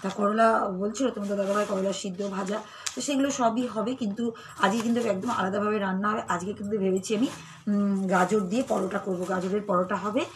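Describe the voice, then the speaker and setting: A woman's voice: mid-range voice, fairly even intonation, fast, slight background noise. A woman chatting casually to her viewers while cooking in her home kitchen, talking straight to them and now and then using baby talk with a child. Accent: Bengali.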